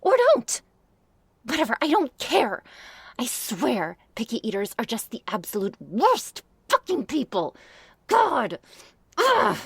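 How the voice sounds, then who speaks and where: Slow and exaggerated, the woman's fairly high voice swoops wildly in pitch as she plays a jealous, menacing vampire for an ASMR roleplay. Irritated, she taunts with sarcasm and often drops into breathy hisses.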